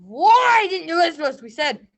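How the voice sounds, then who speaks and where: An exasperated audience member, acted by a woman, yelling warnings in panto crowd callback style. The high voice pleads urgently with the characters, as in a comic stage play. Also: sing-song, moderate pace, full character voice. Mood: frantic, exasperated.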